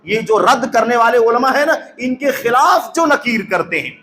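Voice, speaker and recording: A man preaching a sermon in a mosque, emphatic, with rhetorical questions and loud exclamations. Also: very high-pitched, animated, a little hiss or hum. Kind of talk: Urdu sermon lecture. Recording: echoey hall with faint ambience.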